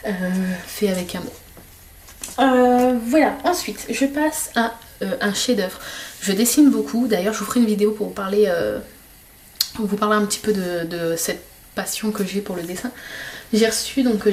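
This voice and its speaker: A woman's voice: medium pitch, slight background noise. A woman chatting casually to her camera as a vlogger, with many fillers and restarts. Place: home workshop.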